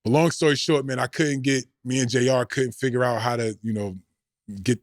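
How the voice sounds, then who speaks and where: A middle-aged man, once a professional basketball player, speaks as a podcast guest, spinning casual, slangy, rambling stories in a laid-back way. His mid-range voice holds a steady tone and moves a little fast. The audio is clean studio sound with no room noise.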